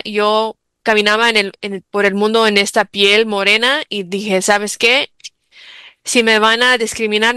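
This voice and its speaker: A bilingual mother from the United States, a native English speaker, answers interview questions as a guest. Her medium-pitched voice is bright and crisp with no room sound, and she speaks reflectively, with many fillers and restarts.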